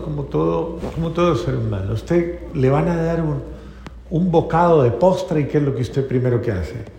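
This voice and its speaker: A man preaching a sermon to a congregation, asking rhetorical questions and often softening to a gentle, tender tone. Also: fairly high pitch, creaky, slight background noise. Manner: rhetorical questions, drops to soft tender tones. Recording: echoey hall with faint ambience.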